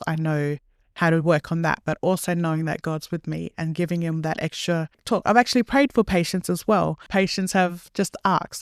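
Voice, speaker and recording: A woman's voice: fairly low pitch, no echo, clean studio sound. A young woman, a nurse, answering interview questions in a chatty, earnest way and laughing at herself now and then. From Australia. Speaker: nurse and podcast guest.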